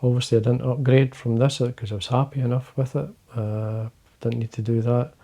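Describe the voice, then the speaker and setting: Indoors at his fly-tying desk, an older man from Scotland hosts a fly-fishing video, chatting casually and fairly quickly with fairly even intonation. His low, quiet voice is gravelly and mellow, and his talk meanders with many fillers and restarts.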